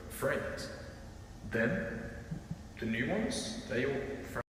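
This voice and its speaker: A man's voice: medium pitch, animated, fairly bright tone. Man playing a hesitant investigator in echoing room. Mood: probing, uneasy. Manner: hesitant, halting, probing. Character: cautious, earnest male investigator questioning haunted animatronics. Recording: very echoey room, faint noise.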